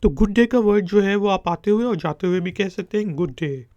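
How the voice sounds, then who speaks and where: A man's voice: high voice, expressive, a little fast, dark tone, no echo, lo-fi sound. A man teaching a beginner language lesson, saying each phrase and then repeating it carefully for learners.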